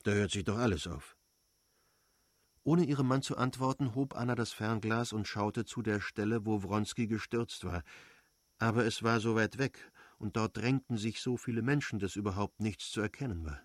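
A man narrating a classic novel as an audiobook, even and unhurried. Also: fairly low pitch, no room sound. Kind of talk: literary audiobook reading.

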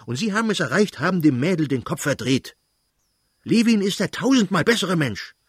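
A man's voice: on the high side, sing-song, breathy edge, dry recording, clean studio sound, voice pushed up. A man voicing a hot-tempered elderly prince who scolds his wife in scornful outbursts, in a reading of a novel. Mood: ranting. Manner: blustering, scornful, quick outbursts.

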